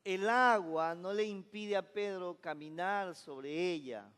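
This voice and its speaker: A man's voice: sits high, slow pace, a bit bright, clean tone. A man preaching a Sunday sermon as pastor, leading the congregation in repeating phrases, calling them brother and slipping in jokes. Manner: call-and-response preaching, addresses listeners as brother; joking asides with laughter. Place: church sanctuary. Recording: echoey church hall.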